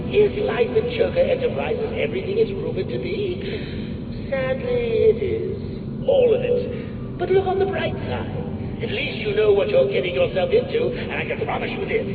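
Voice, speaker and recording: An actor playing the Joker, a grandly mocking male criminal clown, announcing in a drawn-out, showman's manner. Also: very high-pitched, wildly swooping pitch, heavy background noise, exaggerated voice. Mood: gloating. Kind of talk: video game voice lines. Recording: echoey, distant, tinny sound with loud music.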